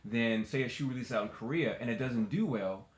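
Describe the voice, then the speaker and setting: Teasing, opinionated male host, mid-pitched voice, recorded in a roomy space. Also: fairly quick. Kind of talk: casual chat. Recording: echoey room.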